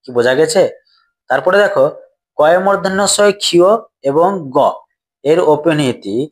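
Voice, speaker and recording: A man's voice: fairly high pitch, moderate pace. Bengali grammar teacher, a man with a raised voice. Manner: repeats questions to students and answers them. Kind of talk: grammar lesson.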